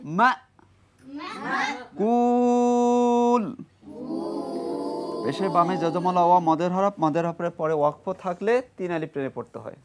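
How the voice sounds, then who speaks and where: Teaching Quran reading to a class of children in a TV studio, a man spells out each letter and vowel mark and has the group repeat after him, sometimes reciting the verse slowly and at length. His voice is a little high, and behind him there's music along with the children chanting.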